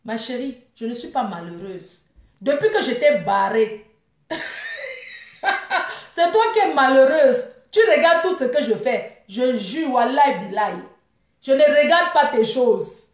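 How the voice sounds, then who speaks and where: A young woman with a high-pitched voice delivers a scornful, taunting rant straight to camera. Her talk is full of mocking jabs and dismissive asides. The sound bounces around an echoey room. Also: lively intonation, measured pace. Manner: mocking, scornful, with frequent laughs. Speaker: vlogger.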